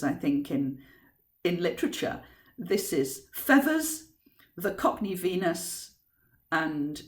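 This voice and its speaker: A woman author giving an informal teaching talk on writing, thoughtful and emphatic as she explains. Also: lowish voice. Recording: roomy echo.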